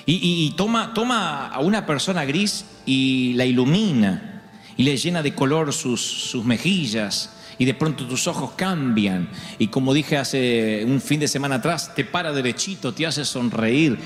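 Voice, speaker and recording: A man preaching a sermon, telling a personal story earnestly. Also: on the high side. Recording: long hall reverb, faint music.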